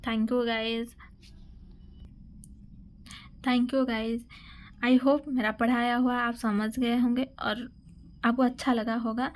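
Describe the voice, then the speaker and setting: A woman with a fairly high, flat voice teaches a grammar lesson for exam prep, speaking extremely slowly with long pauses. She asks questions and answers them herself, often repeating and correcting herself.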